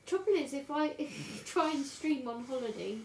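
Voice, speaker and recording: A woman's voice: high-pitched, lively intonation, normal speed. A woman in her thirties chatting casually and giggling as she colours during a livestream and greets viewers by name. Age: 30s. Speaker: livestream host colouring on camera. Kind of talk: casual chat while colouring. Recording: roomy home room with faint noise.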